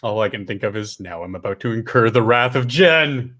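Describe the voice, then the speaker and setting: A Canadian man co-hosting a casual chat, teasing and joking, with halting restarts. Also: fairly low pitch, fairly bright tone. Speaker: co-host.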